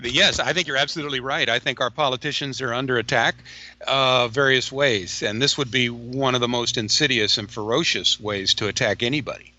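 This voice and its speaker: A man from the United States speaks over a call line whose audio keeps breaking up and glitching. His voice is bright and forceful, but the line is dull and lo-fi. He talks haltingly and keeps restarting his sentences. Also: medium pitch. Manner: halting and hesitant, many restarts. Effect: phone line audio breaking up and glitching. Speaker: phone-in guest. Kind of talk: radio interview.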